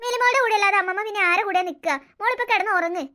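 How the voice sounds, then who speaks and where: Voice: extremely high pitch, rapid-fire, sharp tone, pitched below the performer's own voice. A voice actor playing a fussy, sleepy old grandmother who scolds and coaxes a child to bed. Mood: scolding. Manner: nagging, coaxing a child to sleep. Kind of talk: cartoon voice acting.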